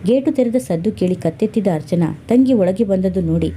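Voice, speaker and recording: A woman narrating a scripted family story in a steady, expressive reading. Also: medium pitch, fairly quick, a little hiss or hum.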